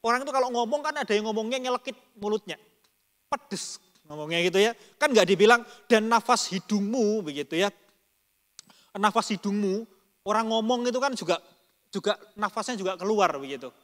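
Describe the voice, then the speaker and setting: A man's voice: high voice, animated, brisk, a bit bright, long reverb tail. A man preaching a Bible study in casual Indonesian. He rambles with many fillers and speaks straight to the congregation. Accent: Indonesian, Surabaya region. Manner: addresses the congregation directly. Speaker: pastor.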